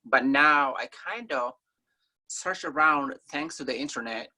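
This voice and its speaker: A woman's voice: very deep voice, unhurried, bright, forceful tone. A woman from Somalia, a guest in a conversational interview, talking in an earnest, thoughtful way with frequent ums.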